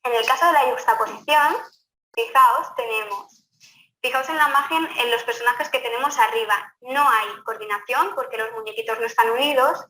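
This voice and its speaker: A woman's voice: on the high side, normal speed, pushed and bright. A woman teacher from Spain, explaining grammar in a recorded lecture and talking straight to her students. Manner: explanatory, addresses students directly. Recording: echoey room, faint background noise.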